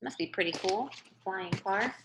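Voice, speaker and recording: Over some background noise, an early-grade teacher gives an unhurried read-aloud lesson to young kids online in a medium-pitched voice. She explains plainly and often asks "okay" or "right?" to check they're following.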